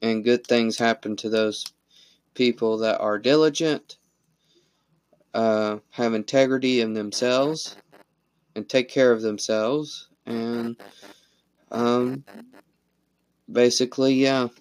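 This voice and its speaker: Man hosting a casual interview, slow and meandering delivery. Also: mid-range voice, fairly even intonation, low-quality recording. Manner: rambling, repeats words while he searches for a thought.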